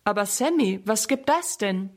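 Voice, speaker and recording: A woman voicing a patient, gentle mother in a children's story. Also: mid-range voice, lively intonation, normal speed, close to an everyday voice. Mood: kind. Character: calm, caring mother.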